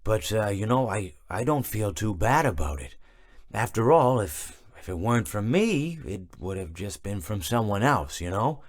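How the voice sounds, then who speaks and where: A man voicing a rambling, absent-minded, cheerfully morbid animatronic in a video game, halting and correcting himself as he meanders. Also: lowish voice, very animated. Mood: genial menace. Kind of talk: theatrical video game character monologue.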